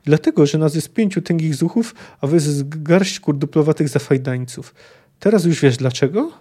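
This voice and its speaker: Brief: man reading as a brutal male bandit, contemptuous and jeering, slightly raised pitch, mellow tone, read from a novel. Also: lively intonation, moderate pace, breathy edge. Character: brutal, sneering male bandit threatening halflings. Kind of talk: reading a novel aloud in character.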